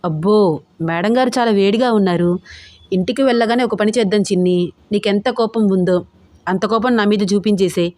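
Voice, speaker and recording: A playful young husband who coaxes and teases his wife, bossy one moment and sweet the next, as a woman narrator puts him on. The voice sits at a middle pitch and close and dry, as in a storybook audio drama. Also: a little fast, darkish tone, no room sound, close to an everyday voice. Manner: cajoling, teasing.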